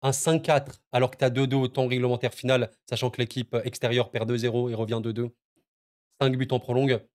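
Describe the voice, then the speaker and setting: A man's voice: mid-range voice, little pitch movement, fairly quick, darkish tone. A man reacting to a football match on his video channel, agitated and emotional, stammering and repeating himself as he talks to his viewers. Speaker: football YouTuber. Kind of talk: excited football reaction vlog.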